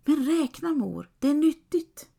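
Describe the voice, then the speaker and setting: A woman's voice: sits high, very animated, gravelly, voice pushed up, full character voice. Woman doing a clever, insistent peasant girl. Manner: bright, insistent.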